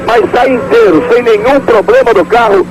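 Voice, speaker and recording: Brazilian guy doing live motorsport commentary, really high voice, super loud car noise behind him. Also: normal speed. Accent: Brazilian Portuguese. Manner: motorsport commentator delivery, calling positions and timings. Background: racing cars and engine noise.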